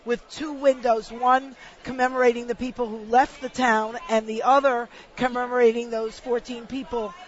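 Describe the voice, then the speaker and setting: A woman's voice: on the high side, level tone, normal speed, hardly any pauses, muffled recording. A woman hosting a radio travel show, speaking in an informative, friendly way.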